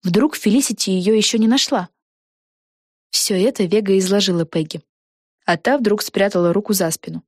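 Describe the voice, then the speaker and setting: A woman narrating a children's fantasy audiobook in a lively, expressive way. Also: medium pitch, normal speed, dry recording, studio quality. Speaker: audiobook reader. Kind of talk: storybook narration.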